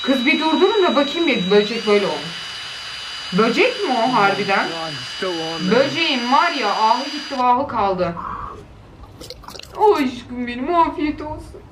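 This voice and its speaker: A woman's voice: a little high, big pitch swings, a little slow, long pauses. Woman doing a chatty reaction vlog, gushing at cute stuff, echoey room. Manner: chatty, coos doting exclamations at clips. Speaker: video creator. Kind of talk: casual reaction commentary. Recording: echoey room with faint noise.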